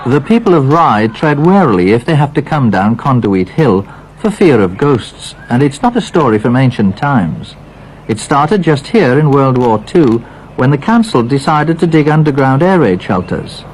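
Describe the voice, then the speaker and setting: A man's voice: medium pitch, very animated, normal speed, poor audio. A man working as a reporter, narrating and interviewing on location for a regional documentary. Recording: 1970s location recording with background noise.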